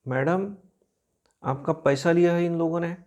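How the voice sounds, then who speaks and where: A man's voice: on the high side, measured pace, darkish tone, pitched above the performer's own voice, natural voice. A man playing an honest, helpful young job applicant who speaks earnestly and politely in a told story.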